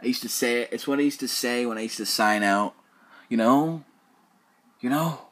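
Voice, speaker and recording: The solo podcast host has a medium-pitched, fairly bright voice and keeps a moderate pace. Short on sleep after nearly a full day up, he goes round in circles, repeats himself and swears casually.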